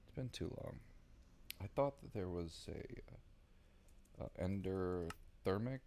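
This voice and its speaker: A man with a Southern American drawl talks through his game in a loose, rambling way, full of ums as he works things out. His voice sits very low with a rough, gravelly texture. A faint hiss runs under the recording. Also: animated, takes it slowly, warm tone. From Southern United States. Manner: rambling, thinking aloud with many ums. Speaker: gaming video creator. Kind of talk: casual gameplay commentary.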